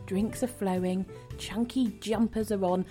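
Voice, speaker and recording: A woman's voice: mid-range voice, fairly even intonation, measured pace, dark tone, faint music behind. A British woman co-hosting a podcast with casual, teasing comic banter and dry retorts. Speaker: podcast co-host.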